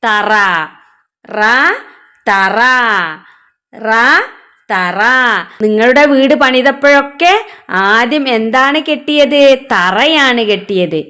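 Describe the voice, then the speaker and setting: A woman's voice: a little high, fairly bright tone. A woman teaching children the letters of the alphabet, asking simple questions and patiently repeating words for them to echo. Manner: slow, patient questions and repetitions.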